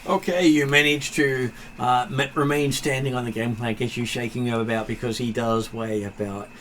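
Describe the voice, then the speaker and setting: A man acting as game master, narrating a tabletop game in a relaxed, explaining manner. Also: medium pitch, moderate pace, a little hiss or hum. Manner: relaxed, explaining rules with fillers.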